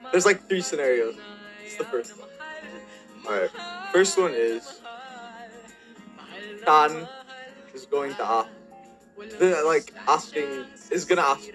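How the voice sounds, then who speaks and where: A man's voice: medium pitch, a bit bright. A man hosting a casual livestream, chatty and upbeat, often restarting his sentences. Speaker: host.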